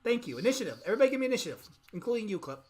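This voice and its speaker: A woman's voice: fairly high pitch, sing-song, rapid-fire, noisy background. Woman game master, chatty and giggly, loose rambling narration. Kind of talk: narrating a live tabletop game.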